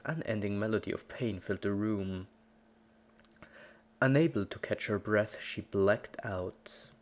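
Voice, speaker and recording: A horror story is told by a woman with a very deep voice for a woman, who reads from a script with dramatic storytelling flair. Her voice carries a darkish tone.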